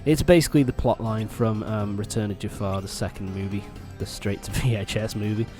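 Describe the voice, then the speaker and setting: A man's voice: lowish voice, fairly even intonation, a little fast. A young man giving casual, rambling, sweary gameplay commentary while recovering from a cold. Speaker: let's play host. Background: loud game music.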